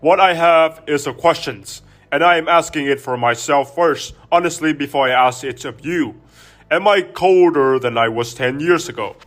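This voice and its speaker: Reflective man narrating in a higher voice. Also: moderate pace, fairly bright tone. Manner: reflective, confessional. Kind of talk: scripted narration.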